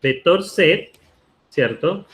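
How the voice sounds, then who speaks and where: This male lecturer from Colombia talks extremely slowly, his fairly high, expressive voice a bit bright. Teaching code live online in Colombian Spanish, he types as he speaks and repeatedly checks in with a rhetorical "¿cierto?"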